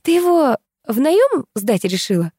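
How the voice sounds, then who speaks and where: A woman voicing a sharp-tongued, sarcastic young woman in an audiobook. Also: medium pitch, animated, moderate pace, no room sound, studio quality, voice pushed up, natural voice. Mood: needling. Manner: needling, sarcastic.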